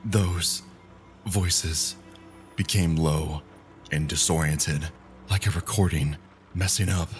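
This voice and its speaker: A man narrating a horror story in a measured, grim, scripted style. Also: deep voice, fairly even intonation, soft background music.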